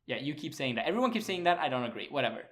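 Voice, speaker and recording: A young Swedish co-host, male, trades casual podcast banter, giggling often, swearing freely and halting with fillers. His voice sits on the high side with big pitch swings, and a crowd can be heard behind him.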